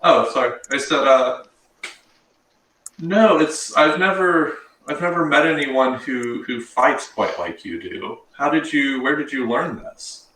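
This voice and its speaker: A man's voice: mid-range voice, measured pace, sharp tone, reverberant, recorded from a distance, poor audio. A man voicing a curious woman adventurer in a tabletop role-play.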